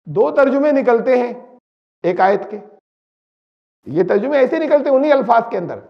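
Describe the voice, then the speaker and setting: A man's voice: very high-pitched, vocal fry. A man giving a religious lecture who recites Arabic verses and explains them, asking his listeners questions as he goes. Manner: recites Arabic verses, then explains them in Urdu with English words mixed in; animated, asks the listeners questions. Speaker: Islamic preacher. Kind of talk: religious lecture on Quran translation. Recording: dull lo-fi recording.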